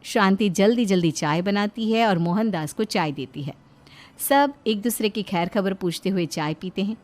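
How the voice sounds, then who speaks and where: A woman's voice: mid-range voice, moderate pace, a little mellow. A woman narrating a scripted cartoon story as its storyteller.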